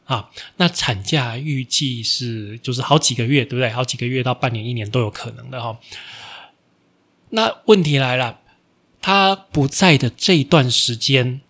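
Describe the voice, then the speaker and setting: A man's voice: medium pitch, fairly bright tone. A man, a podcast host telling a casual story with lots of fillers and sentence-final particles. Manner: acts out his own stern scolding in a raised voice.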